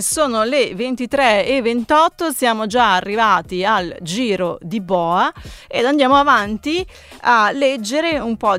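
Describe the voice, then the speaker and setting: A woman's voice: mid-range voice, fairly bright tone, smooth. A woman hosting a live late-night radio show from a studio, chatting frankly about songs and reading listener messages, with frequent hesitations and fillers. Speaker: radio host. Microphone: studio microphone.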